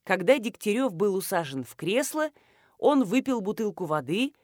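A woman's voice: mid-range voice, very animated, moderate pace, a little mellow, dry recording, studio quality. A woman narrating a first-person audiobook with wry, ironic storytelling.

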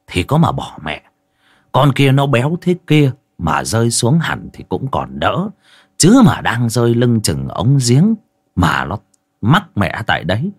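Guy telling a ghost story, lowish husky voice, dry close sound. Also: no room sound. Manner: lively, dramatic storytelling.

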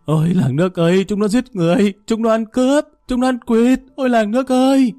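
A man voicing a fat, abusive middle-aged woman who owns a restaurant and scolds crudely and fast. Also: mid-range voice, animated, dark tone, breathy edge, no echo, clean studio sound, soft background music. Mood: wailing.

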